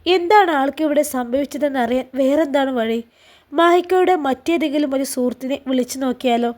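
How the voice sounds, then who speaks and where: A woman narrating a serialized family story in a steady, emotive reading. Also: high voice, brisk.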